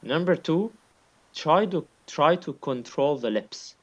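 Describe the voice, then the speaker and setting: A man's voice: fairly high pitch, lively intonation, slow pace, muffled recording. A man teaching recitation in a one-on-one lesson, patiently repeating his points and sounding out examples himself.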